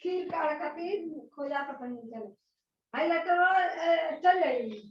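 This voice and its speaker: A woman with a high voice talks casually about household matters. She is heard from off-mic, in an echoey room, and the recording is lo-fi. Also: slow pace. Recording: distant echoey lo-fi sound.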